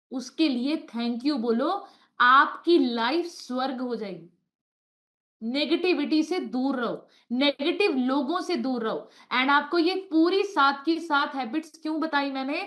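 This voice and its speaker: A woman's voice: high voice, pushed and bright. A woman, a nutrition coach giving a motivational talk over a video call, telling stories with emphatic repetition.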